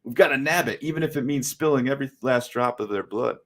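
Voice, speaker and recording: A man's voice: mid-range voice, fast talker, a bit bright, natural voice. A man voicing an urgent wartime soldier rallying his squad, reading a comic aloud. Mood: fierce. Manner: urgent, commanding.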